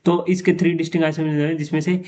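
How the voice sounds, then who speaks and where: A man's voice: fairly high pitch, little pitch movement, very fast, darkish tone. A man teaching exam questions in a casual explaining style, often repeating "theek hai" and mixing in English terms. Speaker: lab technology teacher. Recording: dull lo-fi sound with faint noise.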